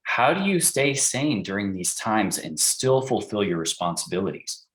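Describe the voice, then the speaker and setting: A man hosting a casual interview, enthusiastic and quick to laugh. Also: lowish voice, sing-song, fairly bright tone. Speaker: host.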